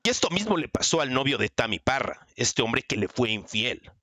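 A male host lectures his viewers with assertive commentary. His voice sounds bright and forward, recorded dry and close with no room sound. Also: mid-range voice, sing-song, moderate pace, dry recording.

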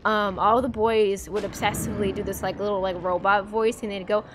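A woman's voice: mid-range voice, little pitch movement, fairly quick, background noise. A young woman from the East Coast of the United States with an American accent, chatting and giggling casually with her viewers during a game livestream. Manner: chatty and giggly, many fillers. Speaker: streamer. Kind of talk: casual livestream chat while gaming.

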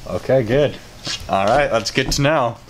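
A young adult man hosting an amateur game show with halting host patter, recorded in a room at home. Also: mid-range voice. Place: furnished home games room, indoors. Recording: clearly noisy room recording.

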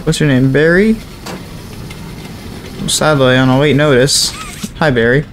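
A man's voice: mid-range voice, unhurried, a little hiss or hum. A man giving casual gameplay commentary, reacting and talking aloud to the game as host. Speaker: gaming video host.

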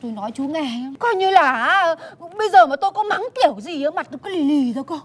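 An actress playing a loud, nagging village wife who scolds and exclaims in a flustered way. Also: female voice, high voice, expressive, a little fast. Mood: scolding.

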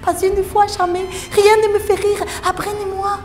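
A woman's voice: very high voice, flat delivery, normal speed, darkish tone. An actress playing an imperious, humourless foreign queen in a stage farce, hammy and commanding, mangling her words. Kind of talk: stage comedy, vaudeville farce. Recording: echoey theatre stage, music over it.

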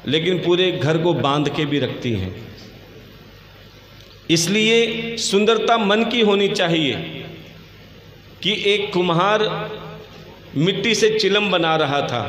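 A man's voice: high-pitched, a bit bright. A male religious storyteller giving a devotional sermon at a village gathering, fervent and addressing listeners as dear ones over a PA microphone. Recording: echoey hall with long reverb.

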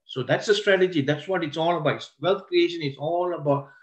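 A man presenting a wealth seminar as a lecture. He slows down to stress key words and often breaks off and restarts his sentences. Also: a little high, dull audio.

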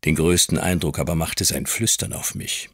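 A man narrating a classic novel in the first person as an audiobook reader, calm and measured. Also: a bass voice, no room sound, clean studio sound. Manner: calm storytelling.

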